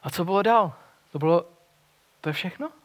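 A man's voice: high voice, fairly bright tone. A man preaching a sermon, retelling a gospel story in an earnest, conversational way with frequent restarts.

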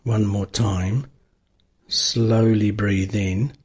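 Guy leading a guided meditation, really slow and calm, bit of a husky voice, long pauses. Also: lowish voice. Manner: calm, unhurried, gently instructing with long pauses.

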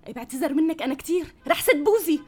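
A rapid, worried partner. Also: female voice, high voice, expressive, warm tone. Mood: worried urging. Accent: Levantine Arabic. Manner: urgent, nagging. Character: worried, pushy workshop partner.

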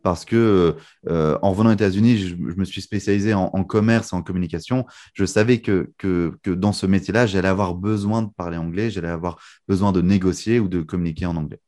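A young man from France talks freely as a guest in an interview. His voice sits fairly low, and he drifts along with easy fillers and restarts. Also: fast. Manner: relaxed, many fillers and restarts. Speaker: guest magician. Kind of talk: casual interview chat.

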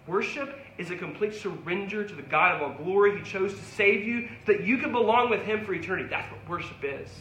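A man's voice: high voice, pushed and bright, a little hiss or hum. A man preaching a sermon, earnest and pleading, with repeated calls to his listeners. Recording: echoey room with faint ambience.

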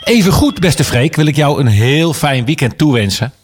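Bubbly Dutch radio host, lively pitch. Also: male voice, normal speed, slightly rough. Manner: bubbly, laughs often, excited interruptions. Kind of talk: lively local radio chat. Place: radio studio.

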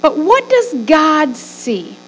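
Over soft background music, a middle-aged female pastor delivers a conversational sermon slowly, in a high, sing-song voice. Her folksy, emphatic style relies on rhetorical questions and repetition, with asides she acts out.

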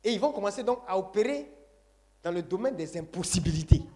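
A man's voice: high-pitched, lively intonation, fairly quick, warm tone, slight background noise. A man preaching a sermon to a congregation, emphatic and repetitive, calling on the audience to say amen. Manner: call-and-response, asks congregation to say Amen; emphatic, repeats phrases.

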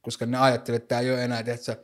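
A man's voice: medium pitch, completely flat delivery. A young man from Finland talking casually in slang, sprinkling in English phrases and many fillers. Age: young adult. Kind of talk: casual conversation.

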